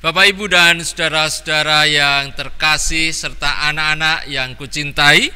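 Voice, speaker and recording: A male pastor preaching a Christmas sermon in Javanese-influenced Indonesian, speaking slowly and deliberately with a story for the children. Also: on the high side, fairly even intonation, bright, forceful tone, clean tone, big-room sound. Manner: slow, deliberate, talks to children. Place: church.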